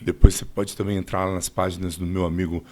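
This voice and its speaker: A middle-aged man hosting a podcast in a studio, with a Brasília Portuguese accent, upbeat and joking, pushing his pitch up and down for emphasis. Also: level tone, fast. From Brazil. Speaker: podcast host. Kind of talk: casual interview chat.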